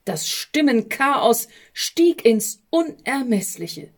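A woman narrating a storybook in a measured reading. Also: a little high, big pitch swings.

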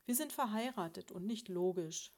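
Reading a storybook at a moderate pace, a woman with a mid-range voice voices a prim, self-assured female sparrow. She is expressive and lightly acted, lecturing the sparrow's husband in a patronizing, gently scolding way.

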